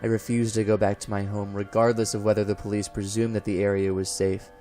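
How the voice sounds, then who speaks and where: Music plays behind a man voicing a college professor who unravels into paranoid dread in a first-person gothic horror audio drama. His lowish, natural voice shows little pitch movement, and he sounds uneasy and haunted, his delivery formal, deliberate and theatrical as it builds from a hush to frenzy.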